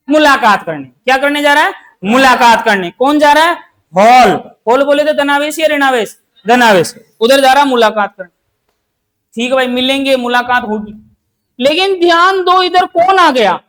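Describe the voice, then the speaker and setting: A man from Rajasthan, India, leads a coaching class, repeating each question and answering it himself with playful everyday analogies. His voice is very high, animated, a little slow and fairly bright, and the recording is low quality.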